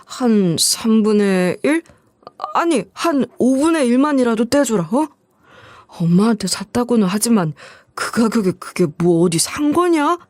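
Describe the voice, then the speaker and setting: A woman's voice: fairly high pitch, animated, a little slow, a little mellow, dry recording. A woman voicing a greedy, scornful middle-aged ex-husband who wheedles and sneers in coarse speech. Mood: pleading.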